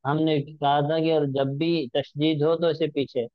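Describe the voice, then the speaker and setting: Guy teaching recitation, slow and patient, kinda muffled dry recording. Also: on the high side, little pitch movement, dry recording. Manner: patient, drawn-out demonstrations of sounds. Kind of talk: recitation lesson.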